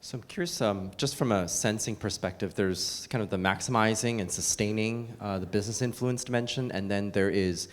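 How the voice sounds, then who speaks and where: A man's voice: fairly low pitch, a little fast, few pauses, a little hiss or hum. Probing male facilitator in an echoey room. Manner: tentative, probing questions with fillers. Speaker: workshop facilitator. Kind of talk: meeting discussion.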